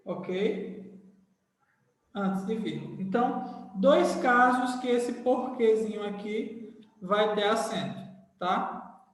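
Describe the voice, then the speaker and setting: A man's voice: high voice, takes it slowly, long pauses. A man teaching a grammar lesson to a class, repeating key phrases and checking in with his students. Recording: echoey hall, voice far from the mic.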